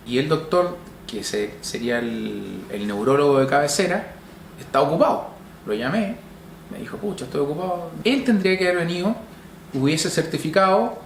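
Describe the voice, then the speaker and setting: Middle-aged Chilean man, slow reflective testimony, gravelly texture, roomy echo. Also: on the high side, slight background noise. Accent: Chilean Spanish. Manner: slow and reflective, with many pauses and restarts. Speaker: grieving father telling his story. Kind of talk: personal testimony.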